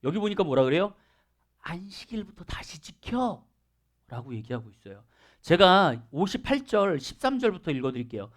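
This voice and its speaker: A man's voice: fairly high pitch, big pitch swings, brisk. A man pastor preaching a sermon at a church worship service, asking the congregation questions and acting out dialogue.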